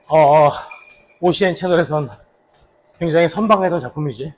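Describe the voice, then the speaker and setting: Male vlogger, slightly high register, a bit raspy, chatting casually and recalling old work as he jogs along. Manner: talking while slow running. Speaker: actor, vlog host. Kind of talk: casual vlog reminiscing about a past drama role.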